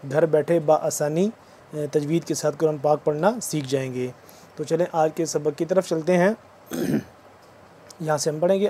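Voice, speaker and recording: A man teaching Quran recitation in an online lesson, patiently explaining the rules letter by letter and chanting the verses slowly. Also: a little high, dark tone. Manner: slow drawn-out recitation between spelled-out letter drills; patient explaining, often checking back with the viewer.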